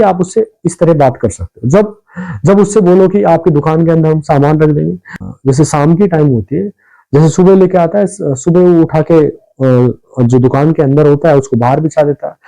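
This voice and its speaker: Male host for a tips video: rushed, repetitive, chatty delivery, warm dark tone. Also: a little high, poor audio. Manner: rapid, repetitive, addresses viewers as brother. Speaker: business ideas channel host. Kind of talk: casual advice talk to camera.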